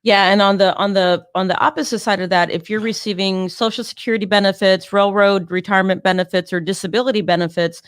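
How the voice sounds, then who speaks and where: Upbeat woman explaining clearly. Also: mid-range voice, fairly even intonation, fast talker, hardly any pauses, dry recording, clean studio sound. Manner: upbeat, explanatory, many "mm-hmm"s. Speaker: co-host, insurance agent. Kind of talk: casual chat.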